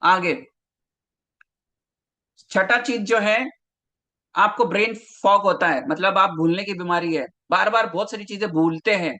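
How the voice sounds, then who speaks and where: A man's voice: high voice, a little slow, pauses often, pushed and bright. A man, a health coach giving a live online masterclass, talking straight to viewers and reading out their names from the chat.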